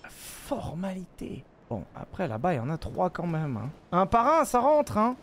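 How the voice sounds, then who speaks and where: Man, streamer, high and very lively voice, excitable, jokey, faint room hiss. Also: moderate pace. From France. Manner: excitable, joking, swearing, talks to chat. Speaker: streamer playing a video game. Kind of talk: live game commentary.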